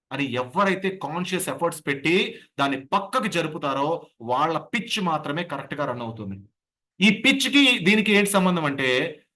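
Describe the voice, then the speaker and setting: Animated, bright-voiced man teaching speaking. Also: on the high side. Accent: Godavari Telugu. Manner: animated, slips into acted voices. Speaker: public speaking trainer. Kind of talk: lecture on voice modulation.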